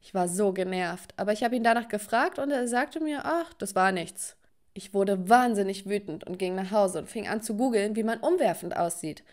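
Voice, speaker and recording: A woman's voice: mid-range voice, a little fast, few pauses, a little mellow. A woman narrating a scripted first-person story with dramatic, emotional delivery.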